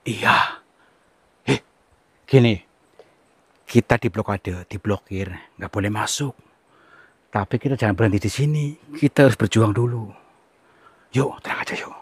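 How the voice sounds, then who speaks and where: Husky guy whispering thru the woods on a ghost hunt vlog, keeps saying calm down calm down. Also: fairly low pitch, a little slow, pauses often, no room sound. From Central Java, Indonesia. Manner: coaxing, repeats soothing words. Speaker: ghost-hunting vlogger. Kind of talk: hushed on-location exploration commentary. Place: outdoors in a forest.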